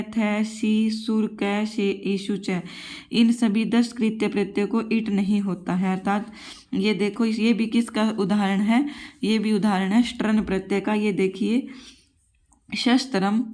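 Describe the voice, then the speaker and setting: A woman's voice: mid-range voice, darkish tone. A woman teacher giving a Sanskrit grammar lesson for exam preparation. She repeats each rule, asks the class questions and calls her students children.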